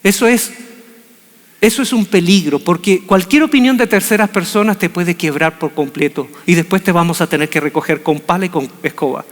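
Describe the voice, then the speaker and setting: A man preaching a sermon, telling the story in an animated, humorous way. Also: high-pitched, fairly quick. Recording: long reverb of a large hall.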